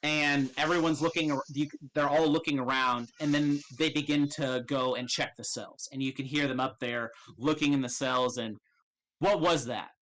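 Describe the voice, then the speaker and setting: Guy game mastering, sharp bright voice, casual halting improvised narration, swears a bit. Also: mid-range voice, fairly even intonation, low-quality recording.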